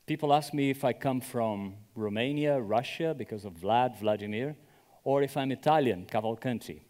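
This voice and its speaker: A Brazilian man gives a chatty, conversational conference talk, frequently asking the audience "right?". His medium-pitched voice is a little mellow at a normal speed, and the venue's hall adds an echoey reverb.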